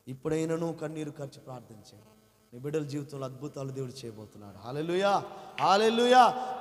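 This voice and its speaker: A man with a Telugu accent preaching a gospel sermon at a church meeting, swinging between loud fervent cries and low, intense passages. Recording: long hall reverb.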